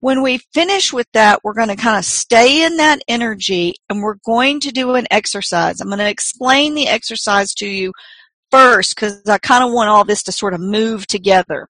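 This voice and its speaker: A woman leading a spiritual workshop, giving exercise instructions and meditation guidance in an unhurried, instructive way with deliberate pauses. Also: on the high side, fairly bright tone, no room sound.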